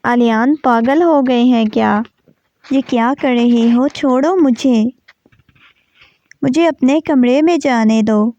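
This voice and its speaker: A proud, defiant young woman from a romance novel snaps back sharply, read by a woman narrator. The voice is fairly high and mellow, and the recording sounds dull and lo-fi. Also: natural voice. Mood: frightened.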